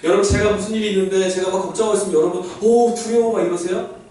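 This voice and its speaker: A man's voice: sits high, racing. A male pastor giving a sermon, putting questions to the crowd and acting out the lines he quotes. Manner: animated preaching, acts out God's voice and asks the crowd questions. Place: large echoey church hall. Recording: echoey hall from far off, faint noise.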